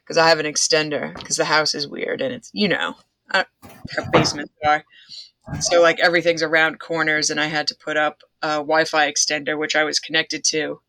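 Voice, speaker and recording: A woman's voice: deep voice, pushed and bright, dry recording. A woman chatting casually on a video call from her home office, talking with lots of "like" and laughing easily. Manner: chatty, laughs often, uses filler "like". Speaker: conversation partner. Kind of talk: casual chat.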